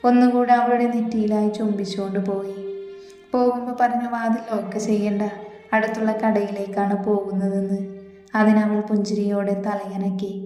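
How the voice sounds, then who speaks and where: A woman reading a romance story aloud, soft and steady, with a mellow, flat delivery. Her voice rings in a highly echoey space with a long reverb tail, and faint music plays underneath.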